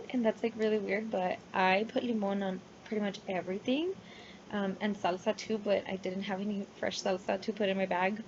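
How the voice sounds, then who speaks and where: A young adult college student from New Mexico in the United States, whose first language is Spanish, gives a chatty self-introduction to her class. Her mid-range voice is full of fillers and "like"s. The laptop webcam mic sounds muffled and there's background noise.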